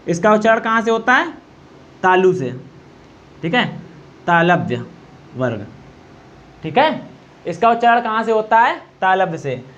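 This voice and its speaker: A male teacher giving an exam-prep grammar lesson, quizzing students, repeating answers and slowly demonstrating sounds. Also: sits high, fairly bright tone. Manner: quizzing, repeats answers, asks "okay?" often. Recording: dull lo-fi recording.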